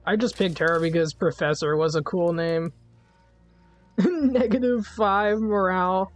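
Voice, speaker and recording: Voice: medium pitch, measured pace, faint music behind. A streamer giving casual, jokey commentary while playing a game, easygoing and laughing often.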